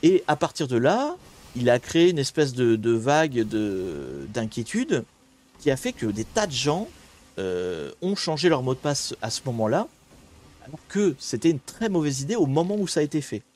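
A man streams casual commentary on cybersecurity, thinking aloud to his audience in a conversational, opinionated way. His mid-range, slightly mellow voice is very animated and runs at normal speed.

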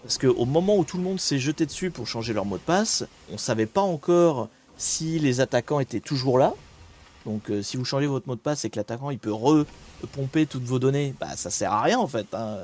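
Chatting to his audience about cybersecurity, a streamer thinks aloud with conversational, opinionated commentary. He has a mid-range voice that is a little mellow.

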